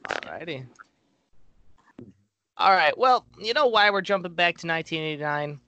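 A man's voice: on the high side, animated, moderate pace, pushed and bright. A man hosting a podcast, chatting casually in a jokey, rambling way and laughing easily. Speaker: podcast host. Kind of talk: casual chat.

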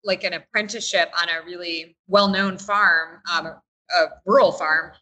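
A woman's voice: lowish voice, fairly even intonation, measured pace, sharp tone, low-quality recording. A woman guest on a podcast, explaining her urban farm in a thoughtful, easy way. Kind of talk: podcast interview.

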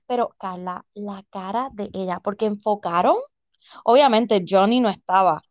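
A woman's voice: medium pitch, moderate pace, dry recording, highs cut off. A woman, co-hosting a gossip chat, telling stories animatedly with English words mixed in. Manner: animated storyteller, exclaims and mixes English. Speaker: podcast co-host.

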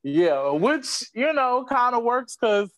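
A laid-back man co-hosting a casual podcast. His voice sits fairly high for a man, and he talks in a relaxed, playful way, often dropping in "you know". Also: slow pace. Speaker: podcast co-host. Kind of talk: casual chat.

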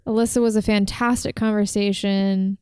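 A woman co-hosting a music podcast in casual chat, chatty and enthusiastic, slightly hoarse from talking. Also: mid-range voice, little pitch movement, normal speed, dark tone, no room sound. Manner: chatty, filler-heavy, enthusiastic about bands. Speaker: podcast co-host.

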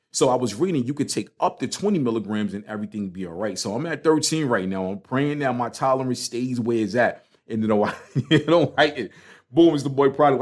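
A man with a Brooklyn accent hosting a casual solo podcast in a slangy, emphatic, conversational way. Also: medium pitch. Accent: Brooklyn, New York. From Brooklyn, New York. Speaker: podcast host.

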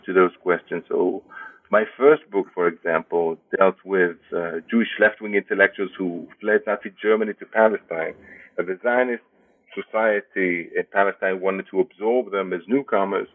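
A man's voice: deep voice, normal speed, dry recording. A man from Israel, a history professor, answering thoughtfully as an interview guest with many hesitations and restarts. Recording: tinny phone-like line, dry.

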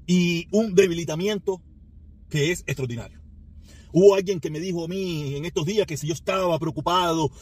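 A Cuban man delivers a solo political commentary in a high, husky voice. He talks emphatically, repeating himself and stumbling over restarts as he presses his points. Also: a little mellow. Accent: Cuban Spanish. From Cuba. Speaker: political podcaster.

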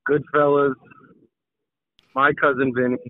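A man's voice: mid-range voice, level tone, unhurried, no echo. A man giving short, casual updates as a guest calling in to a show. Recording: dull lo-fi remote call, crowd-like noise.

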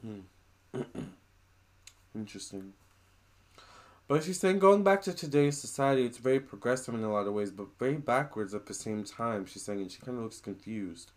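A chatty man talking straight to camera in a casual monologue. He relays what a spirit is telling him in an animated, gossipy way and throws in gushing exclamations along the way. His voice sits at an ordinary pitch for a man. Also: normal speed. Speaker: vlogger relaying a spirit's words.

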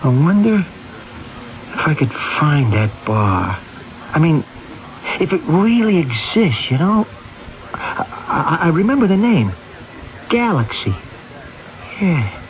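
A man's voice: on the high side, sing-song, slow pace, pauses often. An actor playing an earnest, restless man in a radio drama, hesitant and wondering as he talks. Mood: restless, determined. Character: earnest, restless man haunted by a vivid dream. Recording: dull radio recording, faint noise.

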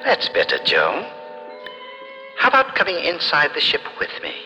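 An actor voicing a friendly, polite, reassuring alien visitor in a vintage radio drama. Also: male voice, fairly high pitch, huge pitch swings, moderate pace, sharp tone, soft background music, exaggerated voice. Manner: polite, soothing, odd phrasing. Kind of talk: 1950s radio drama acting. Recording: old radio recording with long reverberation.

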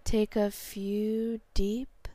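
A woman guiding a hypnosis meditation in a calm, soothing, meditative tone, soft and breathy, sinking toward a whisper at phrase ends. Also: mid-range voice, drawn-out words, dry recording. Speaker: hypnotherapy guide.

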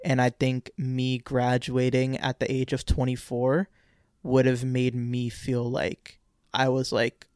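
A man's voice: medium pitch, monotone, slow, a little mellow, clean tone, no echo, studio quality. A man in his twenties co-hosting a podcast, chatting casually and repeating words as he rambles. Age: 20s. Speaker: podcast co-host. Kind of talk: casual chat.

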